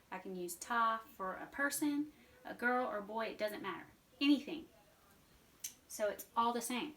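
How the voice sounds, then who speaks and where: A woman's voice: mid-range voice, bright, forceful tone. A woman teaching a beginner Mandarin lesson from home, patient and repetitive as she drills words aloud. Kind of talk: informal online language lesson. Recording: echoey room, voice a bit far from mic.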